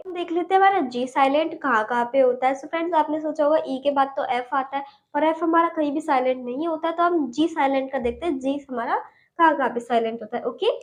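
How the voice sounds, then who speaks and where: A woman teaching an English lesson online, patiently repeating each word and closing every point with "okay". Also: sits high.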